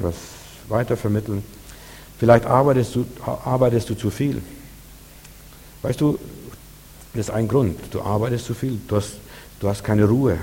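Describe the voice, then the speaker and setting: Male preacher, earnest and repetitive, low dark voice, long hall reverb, faint hum. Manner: earnest, repetitive, addresses listeners directly. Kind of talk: sermon.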